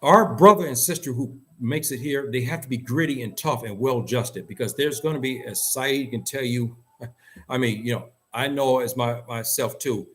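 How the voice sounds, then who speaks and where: A US-born host and commentator speaks in a mid-range, slightly bright voice at a normal pace. He has an American accent and gives insistent, emphatic, unscripted opinions, stressing points by saying phrases again.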